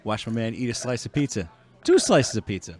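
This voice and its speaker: A man's voice: mid-range voice, huge pitch swings, a little fast, a little mellow. A man in his thirties co-hosting a casual podcast chat, telling stories and laughing often. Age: 30s. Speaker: podcast co-host.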